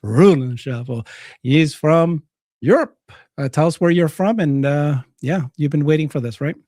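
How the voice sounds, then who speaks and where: A man's voice: on the high side, moderate pace, darkish tone, dry recording, clean studio sound. A man hosting a live talk show, giving breaking-news commentary.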